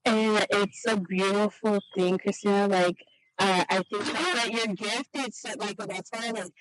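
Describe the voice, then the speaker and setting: A woman hosting a casual podcast chat, talking in a halting, rambling way full of "like" fillers. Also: medium pitch, soft background music, poor audio. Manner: halting, heavy use of "like" fillers. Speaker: podcast host.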